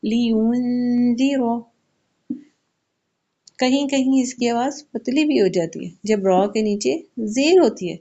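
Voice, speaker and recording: A woman gives children a Quran tajweed lesson, patiently explaining each recitation rule and posing questions she then answers herself, slowing down to recite verses carefully. Her voice is on the high side and mellow, and the audio sounds dull.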